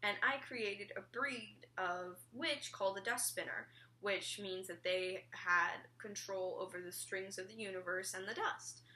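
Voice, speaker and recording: Bright-voiced chatty teen girl vlogging. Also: mid-range voice, measured pace, few pauses. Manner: chatty and rambling, frequent "like" and "um", casual swearing. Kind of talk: casual vlog reaction.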